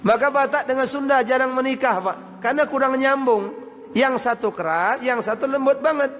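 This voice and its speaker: Addressing his audience again and again as "Pak" and "Bapak Ibu," sir and madam, a male Islamic preacher from Indonesia delivers a sermon. He speaks at normal speed in a very high, fairly bright voice. Hall reverb and faint noise color the recording.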